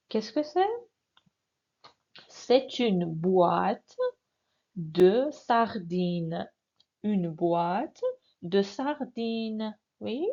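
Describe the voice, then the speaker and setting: Woman teaching real slow, gravelly voice, dull lo-fi sound. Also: mid-range voice, a little mellow. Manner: slow, patient, repeats words and asks learners to answer. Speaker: French teacher. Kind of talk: classroom lesson. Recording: dull lo-fi recording.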